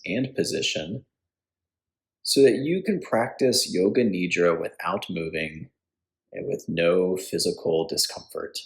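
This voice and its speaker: Calm and unhurried, a man with a low, creaky voice instructs a guided yoga nidra meditation, pausing between phrases.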